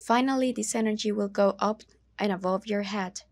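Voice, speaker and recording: Leaving long pauses between her instructions, a woman with a mid-range voice leads a guided meditation in a soothing, measured way. There is no echo.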